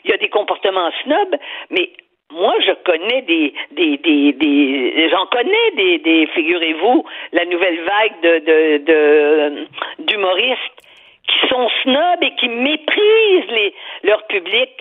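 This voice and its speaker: A woman's voice: on the low side, big pitch swings, slow. Woman, emphatic, over a phone line. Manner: emphatic, repeats words while searching. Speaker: guest commentator. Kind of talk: opinionated radio chat.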